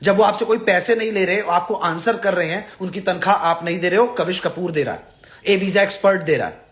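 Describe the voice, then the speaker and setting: On his live stream, a male visa advisor chides and implores his followers, blunt and clearly exasperated, driving points home by repeating them. He sounds high-pitched and a bit bright, speaking briskly.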